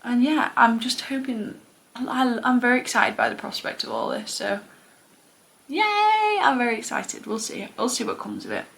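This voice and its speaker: A woman's voice: on the high side, expressive, moderate pace, creaky, fairly bright tone. A young woman from Manchester with a Mancunian accent, chatting casually to camera, self-deprecating and trailing off with fillers. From England. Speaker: booktuber.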